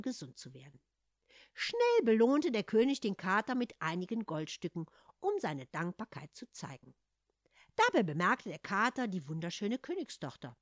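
A woman reading a fairy tale aloud in a lively, expressive storytelling manner. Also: medium pitch, no room sound, clean studio sound.

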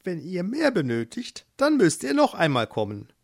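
A storyteller voicing a coy, calculating old female herb witch in a high, drawn-out, sing-song voice for a children's storybook. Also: wildly swooping pitch, vocal fry, exaggerated voice.

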